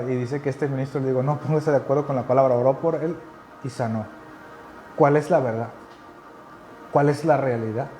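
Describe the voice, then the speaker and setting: A man's voice: medium pitch, darkish tone, slight background noise. A man preaching a sermon in an earnest, conversational way, repeating key phrases for emphasis. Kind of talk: sermon teaching.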